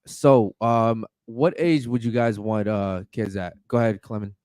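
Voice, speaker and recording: A man's voice: on the low side, fairly even intonation, measured pace, a little mellow, no echo, clean studio sound. A man hosting a casual podcast in a laid-back way, moving through chat messages and hyping up his guests. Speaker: podcast host.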